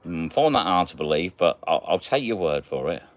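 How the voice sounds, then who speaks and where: A deep-voiced man hosts a casual livestream, greeting viewers by name and chatting about what is coming up. His low voice swings widely in pitch as he talks. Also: sing-song, brisk, no echo. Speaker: magnet fishing livestream host. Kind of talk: casual livestream chat reading comments.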